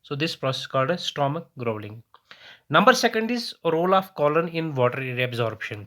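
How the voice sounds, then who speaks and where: A young male teacher with a bright, forceful voice pitched a little high, giving an exam-prep biology lesson. He explains step by step, repeats key terms, and fixes his own slips as he goes. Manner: explanatory, mixes English terms and phrases into Hindi.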